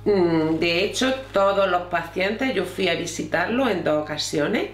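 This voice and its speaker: Slow, low-voiced Spanish woman. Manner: reflective, measured. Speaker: hospital colleague. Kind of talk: documentary interview. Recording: roomy room with faint music.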